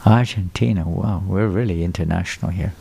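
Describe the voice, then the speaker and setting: An older Englishman, a visiting speaker, gives a sermon lecture to a live audience in a temple hall. His voice is deep, dark, creaky, and a little breathy, and he talks a bit fast, questioning listeners and repeating their answers back to them.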